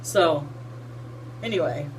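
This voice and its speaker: This skincare vlogger, a woman in her forties, talks through her routine in a cramped home bathroom in a casual, folksy how-to style packed with fillers. Her voice sits low, with a darkish tone and a slow pace. Captured on a close built-in camera mic, the audio is poor and carries slight background noise.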